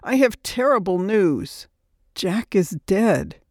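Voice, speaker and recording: A woman's voice: mid-range voice, lively intonation, a little mellow, no echo, studio quality. Woman voicing a ragged, grieving man. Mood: grave. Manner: halting and choked. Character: grieving man breaking bad news.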